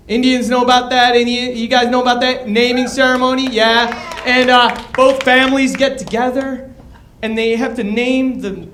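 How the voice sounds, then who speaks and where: A man in his thirties doing a stand-up comedy set, with a loud, punchy delivery and crowd work. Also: extremely high pitch. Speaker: stand-up comic. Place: comedy club stage. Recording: echoey club room. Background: audience laughter.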